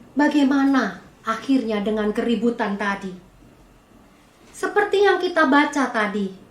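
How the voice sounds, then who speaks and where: Woman preacher, unhurried storytelling sermon, emphatic rises, echoey church room. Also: high voice, fairly bright tone. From Indonesia. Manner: slow storytelling sermon, rising emphasis on key words. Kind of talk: sermon to a women's fellowship.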